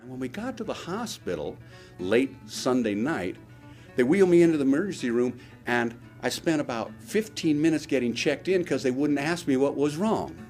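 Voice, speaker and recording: A man's voice: mid-range voice, very animated, moderate pace, a little mellow, soft background music. A man telling a practised, humorous anecdote in a vivid, wry way, as a rancher storyteller. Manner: vivid, wry, acts out dialogue.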